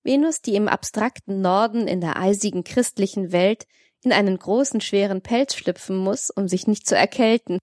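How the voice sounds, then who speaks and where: A woman's voice: mid-range voice, normal speed, a little mellow, dry recording, studio quality, natural voice. A woman reading the part of a domineering, worldly man who lectures with ironic liveliness in an audiobook. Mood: mocking lecture. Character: domineering worldly man, mocking, tyrannical toward women.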